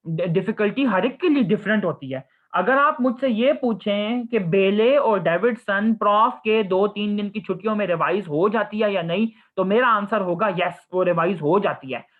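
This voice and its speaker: A young man, a surgery resident, giving casual advice to students in Hindi-Urdu with English phrases, often saying "okay". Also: high voice. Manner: mixes English phrases into Hindi-Urdu, calls listeners 'children'; repeats 'ठीक है' often. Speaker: surgery postgraduate resident answering students' questions. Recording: phone-like narrow audio.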